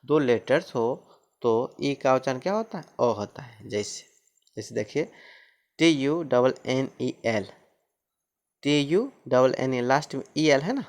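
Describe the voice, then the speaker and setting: A male teacher explains spelling rules slowly, in a mid-range voice. He repeats each point and answers his own questions, as in a classroom lesson. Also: medium pitch, animated.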